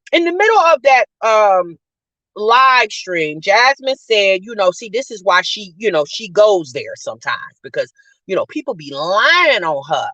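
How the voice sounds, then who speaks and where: A woman's voice: fairly high pitch, fairly bright tone, no room sound. A middle-aged woman hosting a casual commentary channel, talking in a chatty, sassy way and calling her listeners y'all, sis and honey. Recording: dull, lo-fi dry recording.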